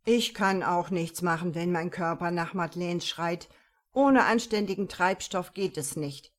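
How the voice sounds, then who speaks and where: A woman's voice: fairly low pitch, unhurried, lightly acted. A woman voicing a portly fifty-year-old male policeman with a sweet tooth who sounds defensive and whiny.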